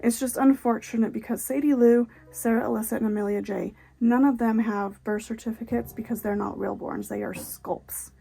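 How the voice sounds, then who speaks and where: A woman chatting casually in a vlog, soft-spoken and often slipping into a whisper, a little out of breath. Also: on the high side, fairly even intonation, moderate pace, vocal fry, few pauses, breathy edge. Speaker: vlogger.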